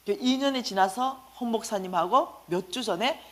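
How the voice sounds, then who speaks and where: A middle-aged woman, giving a lively sermon-style testimony and acting out the conversations in her story. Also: a little high, moderate pace. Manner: animated storytelling, acting out dialogue. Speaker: church finance lecturer.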